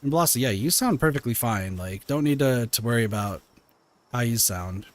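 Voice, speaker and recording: Here's a man of medium pitch, animated and moderately paced, whose voice is still soothing as he streams a game and chats with viewers. He rambles with plenty of fillers and restarts, swearing mildly at times.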